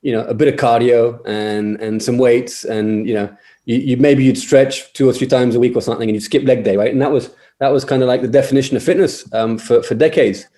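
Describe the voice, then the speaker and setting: A man's voice: mid-range voice, steady tone, brisk, dark tone. A man in his forties, a podcast guest, talking casually and hesitantly, with many fillers and repeated words. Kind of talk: casual interview chat.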